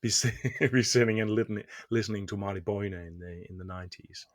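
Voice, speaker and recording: A man's voice: lowish voice, brisk. A man from Denmark, interviewing and searching for words as he asks questions. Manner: hesitant, searching, restarts sentences.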